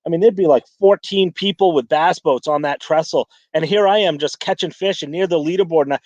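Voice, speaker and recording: A man's voice: fairly high pitch, a little fast, darkish tone, dry recording. A man chatting casually on a fishing podcast, rambling with many restarts and fillers. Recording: dull lo-fi dry sound.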